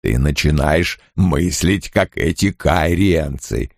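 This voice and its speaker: A man voicing a huge, gentle, thoughtful male Ogier in an audiobook, speaking very deep, gravelly and slow. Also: expressive, no echo, clean studio sound, full character voice. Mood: musing. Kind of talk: audiobook character voice.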